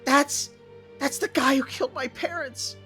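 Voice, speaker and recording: A man voicing a young boy who is angry and grieving and who speaks in shrill, tearful outbursts. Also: sing-song, a little slow, pushed and bright, soft background music, exaggerated voice.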